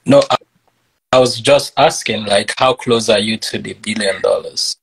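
A man in his thirties answering interview questions over a video call, keeping his replies brief and low-key. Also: normal speed, creaky, breathy edge, poor audio. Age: 30s. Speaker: guest.

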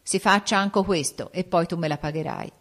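A woman's voice: lowish voice, a little fast, fairly bright tone. Woman reading as a furious betrayed king. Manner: furious, accusing outbursts. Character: angry jealous king, man.

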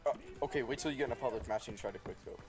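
A young man talks quickly and casually while streaming a shooter game. He complains about weapon balance and the state of the game. Loud music sits under his voice. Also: medium pitch. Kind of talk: casual gaming chat.

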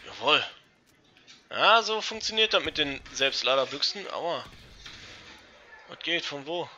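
A young man giving casual, excitable commentary over an online shooter match, swearing and talking to his viewers. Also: fairly high pitch, measured pace, slight background noise. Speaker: let's play gamer. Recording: dull lo-fi gaming mic.

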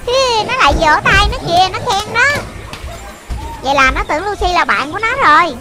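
An extremely high, childlike voice narrates a kids' video game at a brisk clip, bursting with exclamations and short repeated phrases. Loud music plays underneath the excited commentary.

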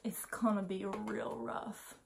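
Background noise fills this clip of a twenty-something woman doing a makeup tutorial in a small room at home after some wine. She talks casually and scatterbrained in a medium, creaky, slow voice with little pitch movement, muttering self-deprecating remarks under her breath.

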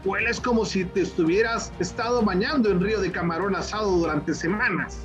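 A man voicing a gruff male pirate with a rough, growling voice and drawn-out vowels. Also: high-pitched, loud music behind the voice, lightly acted.

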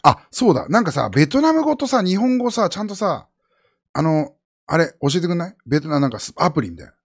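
Man streamer, casual chat, quick delivery, huge pitch swings, slightly husky voice. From Japan. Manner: rambling, animated, jumps between high and low pitch.

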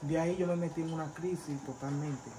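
Hombre dominicano contando su historia con ruido de fondo. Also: male voice, on the high side, fairly quick. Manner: animated, acts out voices of others when retelling. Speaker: interview guest, former pastor turned vodou priest. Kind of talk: casual storytelling interview. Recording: noisy background.

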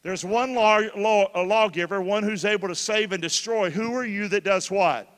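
A man preaching a sermon as pastor, questioning his congregation and bursting into shouts when excited. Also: high-pitched, moderate pace. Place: church hall. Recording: long reverb of a church hall.

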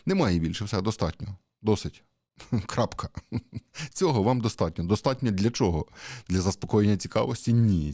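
A man giving a conversational sermon, asking rhetorical questions and pausing with hesitations. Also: sits low, gravelly, warm tone, dry recording, clean studio sound. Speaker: priest.

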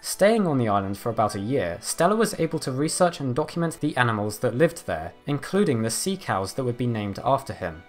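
A man reading scripted nature documentary narration in a measured, explanatory way. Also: mid-range voice, sing-song. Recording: voice over background music. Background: music.

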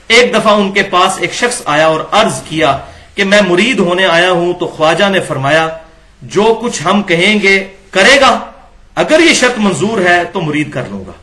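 A man's voice: high-pitched, sharp tone. A man delivering a religious lecture. He reads passages from books and comments sharply, asking rhetorical questions. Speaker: Islamic lecturer.

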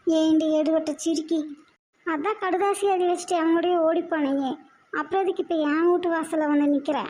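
A woman voicing a sharp-tongued, scolding grandmother in a cartoon, with a Kongu Tamil accent and an insulting manner. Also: very high-pitched, steady tone, brisk.

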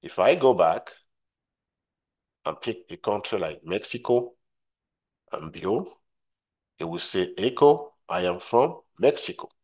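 A man giving a screen-recorded software tutorial, walking through steps and often checking in with "right?" while repeating his points. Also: on the low side, expressive, takes it slowly, long pauses, slightly rough. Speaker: tutorial instructor.

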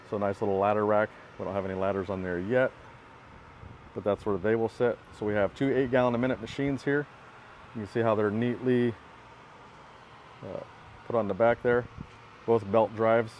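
Holding his own phone in an outdoor parking lot, a man who builds equipment gives a plain, matter-of-fact walkaround of a work truck. His voice sits on the low side with a darkish tone, and there's a little hiss or hum in the audio.

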